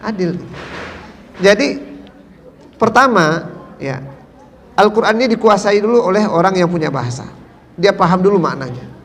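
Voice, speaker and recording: A man's voice: high voice, animated, normal speed, pauses often, a little hiss or hum. A man preaching to a mosque audience, asking questions and answering them himself, with many tag fillers. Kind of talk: mosque lecture. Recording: long hall reverb.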